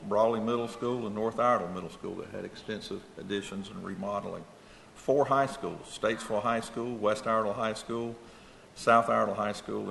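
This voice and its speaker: A man speaks in a deeply gravelly, fry-heavy voice. His speech is halting, full of pauses and throat-clearing. The sound comes from a long-echoing meeting hall with a faint murmur behind it. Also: fairly bright tone. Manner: halting, many fillers and frequent throat-clearing. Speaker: board member presenting an award. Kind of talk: formal speech at a public meeting. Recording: echoey hall, faint room noise.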